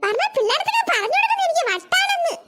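A cranky old cartoon grandmother, as a woman plays her, snapping and scolding at everyone around her. Her voice sits extremely high and squeaky for an old woman. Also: sing-song, rapid-fire, sharp tone, a little hiss or hum, full character voice. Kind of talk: cartoon voice acting.

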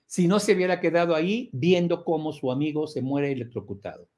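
A middle-aged man teaches a prosperity course, firing off rhetorical questions and acting out scenes with loud cries. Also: a little high, brisk. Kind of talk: motivational lecture.

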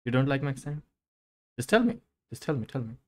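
A man's voice: medium pitch, big pitch swings, fast talker. A young man with an Indian English accent, a streamer chatting casually and teasing his live chat. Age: young adult.

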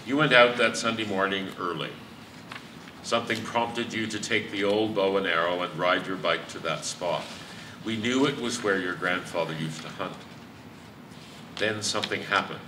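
A man playing a calm, firm chief inspector. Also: deep voice, background noise, natural voice. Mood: steady. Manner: measured, steady questioning. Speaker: stage actor. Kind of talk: amateur stage play. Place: live theatre stage. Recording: echoey hall from far off.

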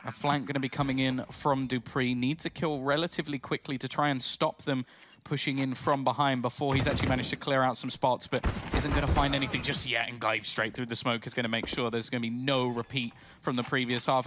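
A man's voice: mid-range voice, fairly even intonation, fairly quick. Male esports caster, game noise behind. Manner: esports caster delivery, running present-tense narration. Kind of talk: live play-by-play game commentary.

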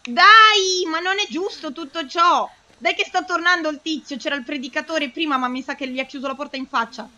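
A young woman giving anxious, excitable commentary while playing a game, pleading and exclaiming as she goes. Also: high voice, fairly quick. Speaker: let's play host.

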